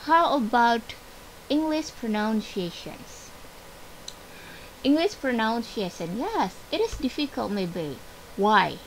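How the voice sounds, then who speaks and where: A woman's voice: on the high side, very animated, takes it slowly, pauses often, slight background noise, low-quality recording. A woman with an Indonesian accent giving an online English lesson, explaining patiently and repeating herself. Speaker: English teacher.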